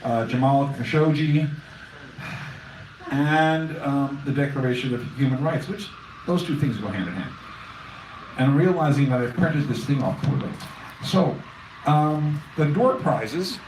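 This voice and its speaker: A man's voice: medium pitch, moderate pace, far from the mic, a little hiss or hum. A man hosting a poetry open mic in a cafe, rambling through announcements with wry asides. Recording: echoey cafe room recorded from afar.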